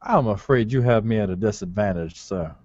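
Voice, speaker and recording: A man's voice: on the low side, a little fast, darkish tone, dry recording, muffled recording, close to an everyday voice. A man voicing a courteous male reverend who speaks in polite, old-fashioned formal phrases.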